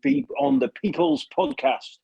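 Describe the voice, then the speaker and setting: A puppeteer from England, speaking with an English accent, talks casually and enthusiastically as a podcast interview guest, rambling and often repeating words at a measured pace. The lo-fi recording has no room sound.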